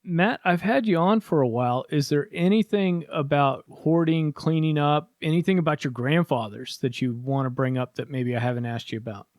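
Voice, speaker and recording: A man's voice: on the high side, normal speed, hardly any pauses, a little mellow. Man hosting an easygoing interview. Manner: brief affirming interjections, friendly questions. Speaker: podcast host. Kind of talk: casual interview.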